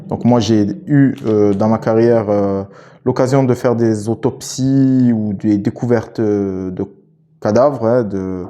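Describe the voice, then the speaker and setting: Male cop, relaxed hesitant gear talk, warm dark voice. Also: on the low side, muffled recording. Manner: hesitant, many filler pauses, relaxed slang. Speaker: police officer and gear channel host. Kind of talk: casual gear chat to camera.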